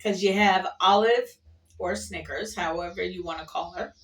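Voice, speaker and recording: A woman vlogger at her airport workplace tells rambling, casual stories to camera in a chatty, folksy, playful way. Her voice is lowish and steady at a normal speed, and she sounds far from the mic.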